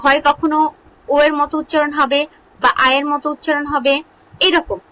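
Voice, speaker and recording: A woman teaching an English grammar lesson in Bengali, asking questions and answering them herself, repeating example words slowly. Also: high voice, steady tone, bright, forceful tone, a little hiss or hum, poor audio. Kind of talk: online lesson explaining English spelling.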